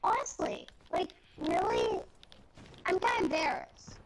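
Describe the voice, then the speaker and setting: A male host of a gaming video giving casual, rambling, excitable commentary while playing, his voice coming through with a robotic, glitchy distortion. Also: rumbling low, measured pace. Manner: rambling, excitable, filler-heavy. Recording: loud game noise behind voice.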